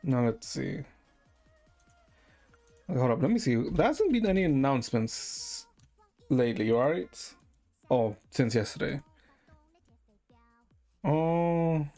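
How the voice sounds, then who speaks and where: With soft background music behind it, a live streamer chats slowly in a hesitant, wandering way, frequently adding "right?" and swearing sometimes. The mid-range voice is dark-toned with lively intonation and long pauses.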